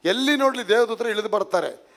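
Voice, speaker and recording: A man's voice: high-pitched, animated, fast, creaky, a bit bright. A man preaching a charismatic sermon to a congregation, emphatic and full of rhetorical questions, slipping English phrases in.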